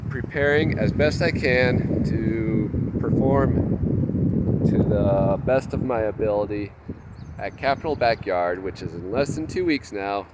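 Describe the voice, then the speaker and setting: A man with a slightly congested, head-cold voice talks in a casual, halting, self-deprecating vlog monologue, matter-of-fact throughout. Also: medium pitch. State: has a cold with nasal congestion. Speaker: vlogger, trail runner. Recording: loud wind and outdoor noise on mic.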